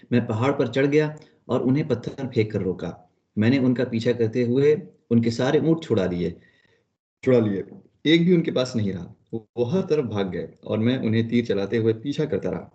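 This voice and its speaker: A man reading a history book aloud to a study group, steady narration with brief asides to check in. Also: fairly low pitch, dull audio. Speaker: study circle reader.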